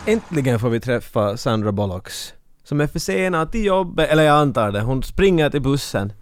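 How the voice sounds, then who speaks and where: A male podcast co-host from Finland, retelling a film scene and his own stories in lively casual chat. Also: medium pitch, no room sound, studio quality. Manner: animated storyteller, recaps the film.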